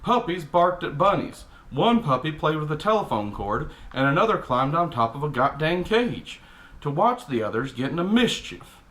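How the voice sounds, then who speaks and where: A slightly high, fairly bright male voice, very animated and at normal speed, plays a cranky Texan dad in his middle years with a Texan accent. He works through a picture book aloud, interrupting himself with exasperated, blunt and mildly profane asides. It's a grumpy comic reading of a children's story.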